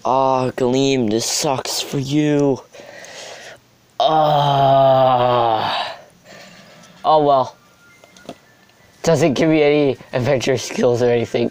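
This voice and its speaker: A young man giving casual, sarcastic commentary over his gameplay, with sudden excited outbursts. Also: medium pitch. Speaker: gaming video host.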